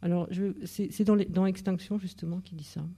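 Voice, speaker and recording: A woman's voice: lowish voice, fairly even intonation, brisk, warm tone, slightly rough. A middle-aged woman giving an informal talk at a literary evening, hesitant, with many fillers and restarts. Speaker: author and teacher speaking at a literary evening. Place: library event room.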